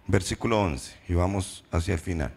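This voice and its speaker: A man preaching a sermon as pastor, posing questions to the congregation and slowing down for emphatic repetitions. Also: low voice, a little mellow, slightly rough. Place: church hall. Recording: reverberant church hall.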